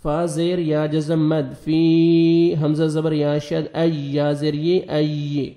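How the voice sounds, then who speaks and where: A man's voice: fairly high pitch, little pitch movement. Man teaching Quran recitation, syllable by syllable. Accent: Pakistani Urdu. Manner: spells out each syllable by letter and vowel mark, then recites it slowly and loudly. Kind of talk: slow drawn-out recitation with quick explanations.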